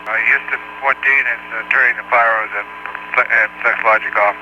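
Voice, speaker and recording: A man's voice: medium pitch, fairly even intonation, normal speed. A man, an astronaut in flight, talking to mission control in a clipped, matter-of-fact way over a distant, breaking-up space-to-ground radio link. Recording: muffled archival space radio with hiss.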